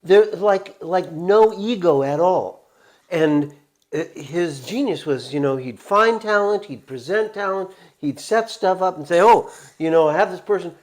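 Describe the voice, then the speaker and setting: A man's voice: high voice, expressive, unhurried, darkish tone. A middle-aged man chatting and reminiscing casually as a show's co-host.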